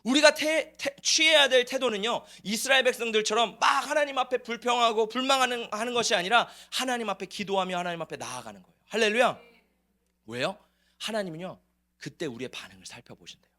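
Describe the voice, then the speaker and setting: A man's voice: extremely high pitch, fast talker, pushed and bright. A man preaching a sermon to his church, asking the congregation rhetorical questions. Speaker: pastor. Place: church sanctuary.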